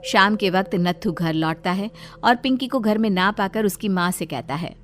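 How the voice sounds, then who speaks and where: A woman's voice: mid-range voice, moderate pace, slight background noise. A woman narrator reading a scripted children's story.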